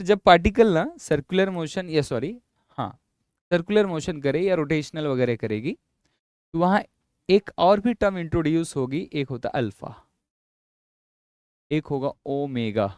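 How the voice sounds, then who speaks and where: A man teaching physics in a classroom lecture. He explains slowly and repeats himself, coaxing his students along. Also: a little high, darkish tone, smooth, no room sound, studio quality. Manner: drawn-out, repetitive explaining, coaxing students with "yaar" and "bhai".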